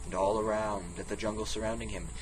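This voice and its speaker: Lowish in pitch and fairly even in intonation, this man talks fast with background noise behind him. He reads a text game he's playing in a theatrical, mock-dramatic storybook style, repeatedly interrupting himself with offhand comic asides.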